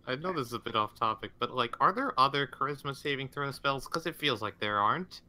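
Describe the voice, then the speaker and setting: A man with a very bright, sharp voice takes part in a tabletop game as a player. He talks over the rules in a casual, conversational way. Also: mid-range voice, lively intonation, a little fast.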